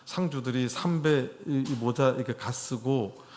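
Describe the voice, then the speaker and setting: A man's voice: medium pitch, unhurried, darkish tone. A middle-aged man preaching a sermon in a church, chatting with his congregation and putting questions to them. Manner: conversational, asks the congregation questions. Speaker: pastor. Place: church hall.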